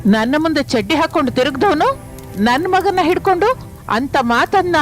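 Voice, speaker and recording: A stern, quick-tempered mother-in-law from a cartoon story, voiced by a woman who drops her voice lower and scolds with indignant force. She has a higher pitch than most speakers, with a faint music bed behind her. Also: animated. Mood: angry.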